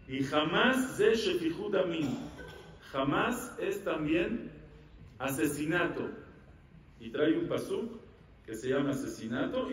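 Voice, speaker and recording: A rabbi giving an animated Torah lecture, asking the audience questions and answering them himself. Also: male voice, fairly high pitch, a little hiss or hum. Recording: echoey room, mic at a distance.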